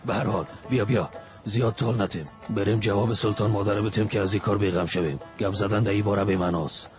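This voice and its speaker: A short-tempered father-in-law, voiced by a man, scolds and hurries his son-in-law. His voice sits low. The dub sounds dull and lo-fi, with clear music playing under it. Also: steady tone, natural voice. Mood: irritable. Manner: irritable, scolding. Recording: dull lo-fi dubbed film audio with clear music.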